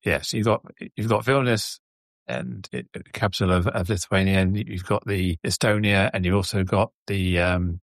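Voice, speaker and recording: A man's voice: low voice, fairly even intonation, moderate pace, no room sound, clean studio sound. A man hosting an interview show, gracious and chatty, who thinks aloud as he talks. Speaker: podcast host.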